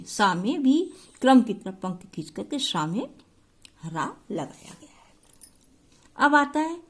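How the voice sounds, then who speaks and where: A woman teacher explaining a school grammar lesson step by step to her pupils. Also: fairly high pitch.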